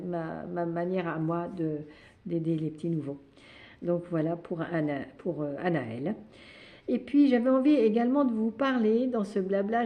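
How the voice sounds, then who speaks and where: A woman with a low-ish, warm voice hosts a knitting podcast, chatting casually but hesitantly, with lots of fillers and restarts.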